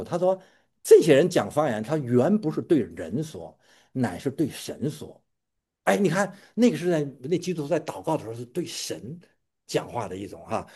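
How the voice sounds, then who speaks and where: A man preaches in a loose, storytelling sermon, stumbling over repeated words and now and then quizzing his listeners. His pitch swoops around animatedly. The tone stays warm and mellow throughout. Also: husky. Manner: stammering repetitions, chuckling asides, quizzing listeners.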